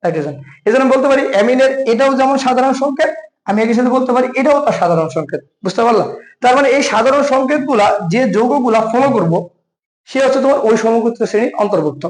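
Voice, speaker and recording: A man's voice: very high voice, animated, fast, reverberant, poor audio. A man with a Bangladeshi Bengali accent teaching an exam-prep chemistry lesson, quizzing the listener with questions and then answering them himself, and calling the viewer brother. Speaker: chemistry tutor.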